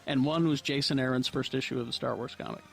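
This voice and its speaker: Gravelly man in casual chat. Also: mid-range voice, steady tone, fast talker, fairly bright tone, soft background music.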